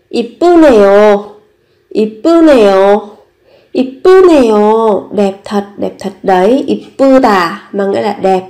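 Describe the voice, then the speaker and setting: With a medium-pitched, slightly mellow voice, a woman whose first language is Vietnamese teaches a language class. She patiently says each phrase again and walks through it one step at a time.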